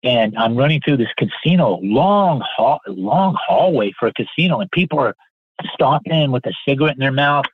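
Husky older man on a tinny line. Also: mid-range voice, animated, moderate pace, no room sound. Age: 60s. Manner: earnest, polite, repeats words as he restarts sentences. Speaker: podcast guest. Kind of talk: casual anecdotal storytelling. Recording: tinny phone-like line, dry.

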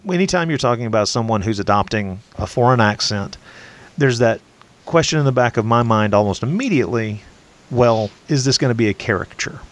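A man co-hosting a casual film podcast, talking in a measured, analytical way. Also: mid-range voice, lively intonation. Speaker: podcast co-host.

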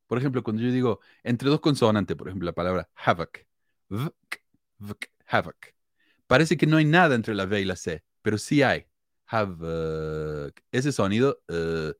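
Lively Córdoba-accented podcast host, man. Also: mid-range voice, no echo, clean studio sound. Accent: Argentine, Córdoba. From Argentina, Córdoba. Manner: lively, chatty, blunt with mild swearing. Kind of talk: casual explanatory podcast talk.

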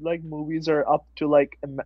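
A man's voice: a little high, flat delivery, moderate pace, no room sound. A teenage boy co-hosting a casual podcast, playful and rambling, full of "like" and restarts. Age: teens. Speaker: podcast co-host. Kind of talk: casual chat. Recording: dry, dull lo-fi sound.

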